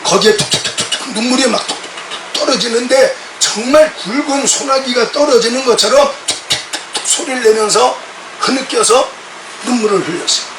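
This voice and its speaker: Middle-aged man preaching a fiery sermon, shouting at peaks, voice sitting very high, heard from across a reverberant sanctuary. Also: normal speed, background noise. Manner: impassioned, shouts quoted words. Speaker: pastor. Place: church sanctuary. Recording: echoey church sound from a distant mic.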